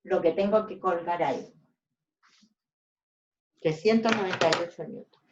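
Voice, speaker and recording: A woman teacher slowly solving a physics problem aloud, checking and correcting her own steps. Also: fairly low pitch, far from the mic, background noise. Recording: dull roomy sound from off-mic.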